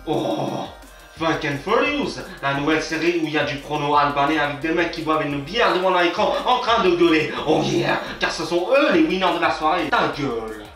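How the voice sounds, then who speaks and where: Young male comedy host, high-ish voice, sarcastic and foul-mouthed, loud then mumbling, echoey and a bit distant. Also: brisk, few pauses. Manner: swears a lot, playfully sarcastic, swings between shouting and mumbling. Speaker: YouTube host. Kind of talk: comedic reading of viewer comments. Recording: echoey room, voice off-mic, faint music.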